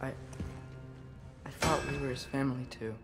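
A man's voice: medium pitch, steady tone, normal speed, loud music behind the voice, natural voice. Man playing an earnest young warrior's son. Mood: remorseful. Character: earnest, guilt-ridden teenage boy, son of a warrior. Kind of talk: video game drama acting.

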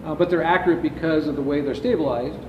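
A man's voice: a little high, fast talker. Middle-aged man explaining in an echoey warehouse. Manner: explains at length, gesturing with his hands. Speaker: ammunition company founder, interview guest. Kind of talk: answering interview questions. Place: large warehouse with shelving, indoors. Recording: echoey warehouse, distant dull audio with background noise.

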